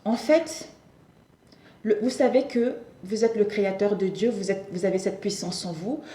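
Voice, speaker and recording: A woman giving a spiritual tarot reading, effusive and affectionate, slipping into soft prayers. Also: medium pitch, normal speed. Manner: effusive, addresses viewers as friends. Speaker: tarot card reader. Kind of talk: spiritual card reading and blessing. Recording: roomy echo with faint music.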